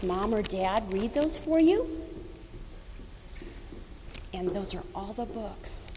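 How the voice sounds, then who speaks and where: A woman giving a children's sermon in a sweet, patient Sunday school manner, using simple words and gently coaxing. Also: medium pitch. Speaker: children's message leader at church. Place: large echoing church indoors. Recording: reverberant church hall with background noise.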